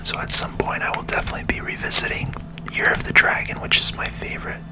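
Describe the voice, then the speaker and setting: Someone whispers gentle, unhurried ASMR commentary while playing a video game, with the game's music running under the voice.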